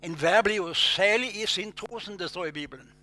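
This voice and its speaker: A man preaching a sermon, telling stories with loud emphatic bursts and low quiet asides.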